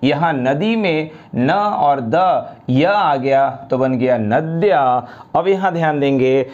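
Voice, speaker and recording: A man teaches grammar to a class, talking straight to the students and spelling out each word form at a very slow, deliberate pace. He repeats the endings over and over so they stick. The recording sounds a little dull and lo-fi. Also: a little high, expressive, a little mellow. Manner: slow, drawn-out recitation of word forms.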